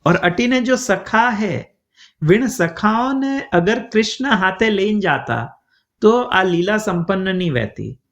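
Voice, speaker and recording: A male preacher tells a devotional story at an unhurried pace, chanting verses and slipping into the voices of its figures. His voice sits high and swings widely in a sing-song way. The recording is muffled and lo-fi. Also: animated. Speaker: preacher telling scripture stories. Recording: dull lo-fi recording.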